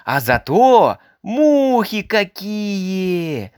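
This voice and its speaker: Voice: big pitch swings, drawn-out words, a little mellow, clear, resonant tone, no echo, clean studio sound. A reader voicing a small boy stuck under the sea, frightened yet trying to act bold, in a storybook reading. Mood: boyish, nervous. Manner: higher, childish pitch.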